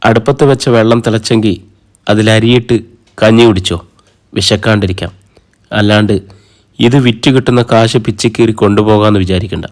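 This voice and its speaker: A man's voice: on the low side, fairly even intonation, fairly quick, long pauses, close to an everyday voice. A man voicing a stern, scornful elderly matriarch who scolds her family without flinching. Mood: scolding. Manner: cutting, scolding.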